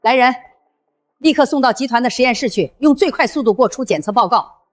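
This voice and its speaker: A woman's voice: on the high side, animated, fast. An actress playing an imperious elderly woman who heads a wealthy family, giving clipped commands in a short drama. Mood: appraising. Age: older.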